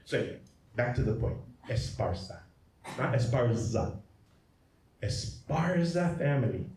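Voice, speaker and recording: This priest's genealogy lecture in a symposium hall is jokey and rambling, peppered with "okay?" and "right?" to check in with the audience. His medium-pitched voice has lively intonation, an unhurried pace, and a darkish tone, recorded distantly in an echoey room with faint noise.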